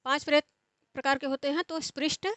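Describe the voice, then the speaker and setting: A young woman gives a Sanskrit grammar lesson in a high, bright voice. She explains step by step, circling back to rephrase each term. The sound is dry and close, with no room around her. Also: steady tone, quick pace, no echo. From India. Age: young adult. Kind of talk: explanatory lecture.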